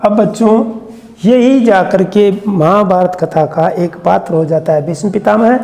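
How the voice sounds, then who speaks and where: A man teaching pupils a lesson, asking questions and sounding out words slowly syllable by syllable. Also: high voice, vocal fry, mellow, echoey room, big-room sound. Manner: slow, syllable-by-syllable pronunciation drills; asks questions and repeats the answer. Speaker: school teacher.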